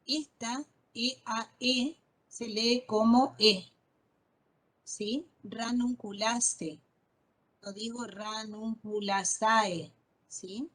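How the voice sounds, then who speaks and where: In poor audio, a woman lectures an online botany class at an extremely slow pace with long pauses. Her voice is fairly high and fairly bright, and she patiently spells out terms while frequently asking whether students understand.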